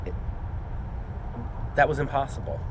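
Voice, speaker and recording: A man's voice: medium pitch, very animated, measured pace, vocal fry, background noise. A man speaking off the cuff in an earnest, rambling, casual vlog style. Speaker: wrestling student.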